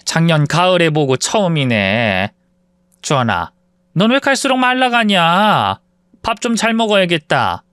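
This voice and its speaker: A man's voice: on the high side, sing-song, unhurried, fairly bright tone, clean tone, dry recording. A man voicing a worried, fussy middle-aged mother in a spoken story, pleading with her son in a raised voice. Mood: fretful. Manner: pleading, fretful.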